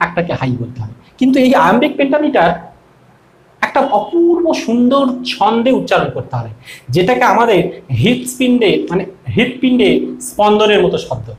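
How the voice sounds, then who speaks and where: Bengali male teacher, animated, high-pitched, explaining and drawing out words, echoey room. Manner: lively, sing-song, drawn-out recitation. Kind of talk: explaining a poem to students.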